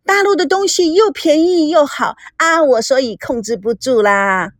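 A woman's voice: high voice, sing-song, a little slow, no echo, clean studio sound. A woman doing a showy, coquettish lady. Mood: gushing. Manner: sing-song, affected, exaggerated. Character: flamboyant middle-aged woman, showy and coquettish.

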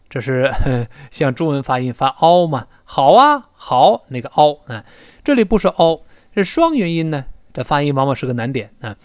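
A man leads an English pronunciation lesson, breaking sounds apart and repeating words slowly for learners. His voice sits a little high and moves with lively swings. The sound is dry and close, with no room echo. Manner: explains sounds slowly, drilling words aloud. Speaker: English teacher.

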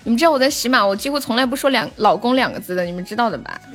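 Female streamer, high voice, giggly chat, faint music behind. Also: expressive, a bit bright. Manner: giggly, chatty, often rushed. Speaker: livestream host. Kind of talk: casual livestream chat.

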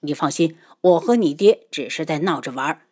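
A woman's voice: lowish voice, very animated, moderate pace, darkish tone. A woman voicing a hot-headed, stubborn young man in an audiobook, earnest and defiant. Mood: pleading. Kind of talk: audiobook character voice.

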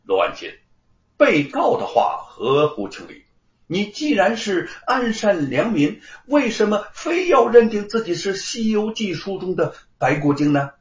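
A man voicing a stern, shrewd prefect judge in an audiobook story, with a measured official cadence and booming pronouncements. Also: big pitch swings. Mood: stern, mocking. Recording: roomy, slightly dull recording.

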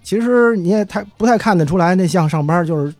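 A man's voice: high voice, lively intonation, fast, darkish tone, no room sound. A middle-aged man with a Beijing accent, telling stories casually as an interview guest in an easygoing, colloquial way that often repeats itself. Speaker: interview guest, former magazine editor. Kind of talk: casual storytelling.

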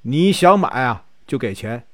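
A man's voice: medium pitch, animated, a little slow, a bit bright, no echo, clean studio sound, voice pushed down. A man voicing a proud, down-on-his-luck warrior who speaks firmly. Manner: firm, proud.

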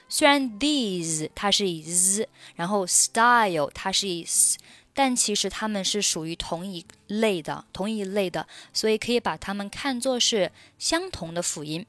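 A woman teaching English pronunciation, repeating each phrase slowly before explaining it. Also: medium pitch, a bit bright, no room sound. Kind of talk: slow instructional pronunciation lesson.

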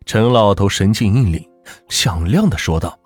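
Husky low-voiced ghost story teller. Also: male voice, normal speed, no room sound, faint music behind. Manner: dramatic, lively storytelling. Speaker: storyteller host. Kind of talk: folk ghost story narration.

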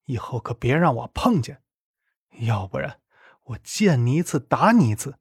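A grumpy young man snaps out his words in a low, husky voice, as a woman reading the story puts him on. The voice is rough and breathy, with no room sound at all. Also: very animated, moderate pace, darkish tone, no room sound, studio quality, full character voice. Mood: irritated. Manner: irritable, snapping.

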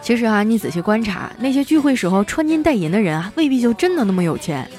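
A woman hosting a comedy show, telling scripted joke stories in a lively way and putting on voices for the characters. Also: on the high side, fast talker, soft background music. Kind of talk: scripted comic storytelling.

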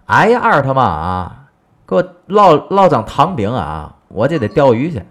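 A man voicing a boastful, loudmouthed middle-aged neighbor, talking in a brash, bragging way. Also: lowish voice, sing-song, moderate pace.

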